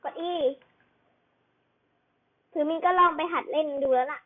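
A woman's voice: sits high, unhurried, phone-quality sound. A young woman giving casual gameplay commentary over a Bluetooth headset, chatty and explaining the controls as she plays. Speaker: gameplay streamer.

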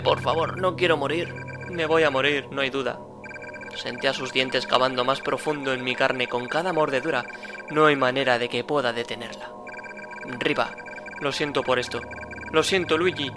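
A man reading the lines of a dying young man, soft, low and subdued. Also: fairly even intonation, moderate pace, over music, natural voice. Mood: resigned.

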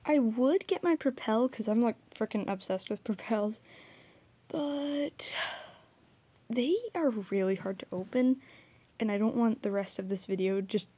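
A woman's voice: mid-range voice, normal speed, dark tone. A young woman giving a casual, rambling, self-deprecating voiceover for her art video, recorded on a small audio recorder. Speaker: art vlogger. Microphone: small audio recorder, drifts off mic.

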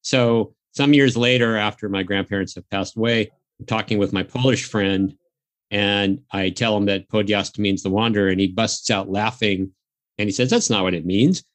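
A man with a fairly low voice hosts a casual podcast chat. He tells stories in a relaxed, upbeat way. The sound is close and dry. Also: moderate pace, no room sound. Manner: chatty storyteller, upbeat. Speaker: podcast host.

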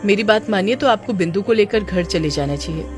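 A woman voicing a sympathetic young man who calms and reassures a crying woman. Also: a little high, a little fast, lightly acted. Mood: concerned, soothing. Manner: soothing, reassuring. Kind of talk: audio drama narration. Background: background music.

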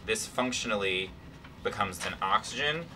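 A man's voice: lowish voice, moderate pace, bright, forceful tone. A young man explaining science casually, in a playful, slangy, irreverent way. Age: young adult. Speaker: chemistry presenter. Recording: distant camera mic, faint room noise.

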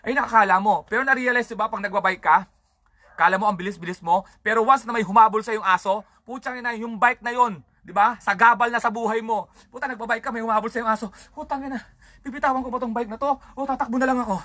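A man's voice: extremely high pitch, fast talker, sharp tone, dry recording. A man hosting his own comedy show, telling rambling, crude, swear-filled stories about childhood in a casual stand-up style. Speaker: comedian host.

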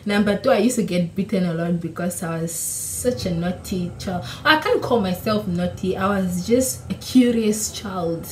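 A young Namibian woman whose first language is Oshiwambo speaks at a normal speed in a mid-range voice, barely pausing. The YouTuber sits in front of a camera in a small room at home, answering questions in a casual, chatty vlog, laughing and correcting herself. The room is echoey, with a faint hiss.

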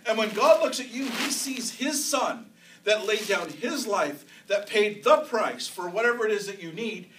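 A man's voice: high-pitched, expressive, moderate pace, far from the mic, noisy background. A man preaching a sermon as pastor, in a conversational style that repeats phrases for emphasis. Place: church sanctuary.

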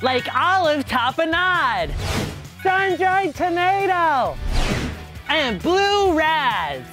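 A man's voice: extremely high pitch, big pitch swings, a little slow, music in the background, full character voice. A man playing a busy, hyperactive kid in an extreme kids' snack commercial. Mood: pumped up.

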